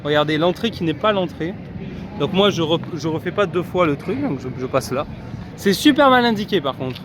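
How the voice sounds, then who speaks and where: A man's voice: on the high side, lively intonation, normal speed, noisy background. A man casually vlogging from a busy theme park, chatting to his viewers with lots of fillers. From France. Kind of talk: casual vlog commentary.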